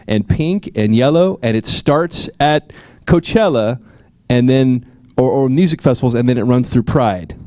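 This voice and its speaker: A man's voice: medium pitch, a little slow, a little mellow, dry recording, clean studio sound. A man co-hosting a radio interview, teasing and joking with the guest. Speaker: radio co-host. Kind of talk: casual interview chat.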